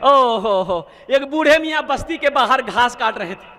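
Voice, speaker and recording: A preacher with a strikingly high voice tells a moving story in a dramatic way, pressing the crowd to call back answers. His words ring out with the long echo of a large hall. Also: animated, normal speed, pushed and bright. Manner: dramatic, calls on the audience to answer. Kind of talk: emotional sermon storytelling.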